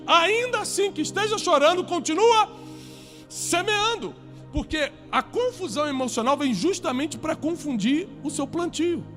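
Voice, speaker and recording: A man with a Brazilian Portuguese accent preaching a sermon to a congregation, emphatic, with rhetorical questions and climbs toward near-shouts. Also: very high-pitched. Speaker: pastor. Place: church before a congregation.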